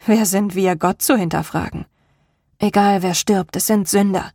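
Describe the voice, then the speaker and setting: A haunted, resolute young woman, read by a woman narrator speaks in low, measured, weary tones. Her voice carries a gravelly, breathy texture. The recording is close and dry. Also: steady tone, a little mellow, no room sound, close to an everyday voice. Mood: grim. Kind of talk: audiobook character reading.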